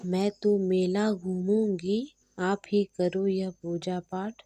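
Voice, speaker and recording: A woman's voice: medium pitch, little pitch movement, takes it slowly, warm tone, dry recording. A woman doing a defiant young wife. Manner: defiant, dismissive. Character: proud, modern young wife scorning ritual.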